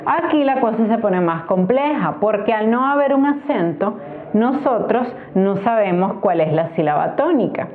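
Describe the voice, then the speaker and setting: A woman with a Nicaraguan Spanish accent teaching a grammar lesson, patiently spelling out syllables slowly. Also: medium pitch, animated. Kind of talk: explaining a grammar tutorial. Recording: tinny phone-like recording.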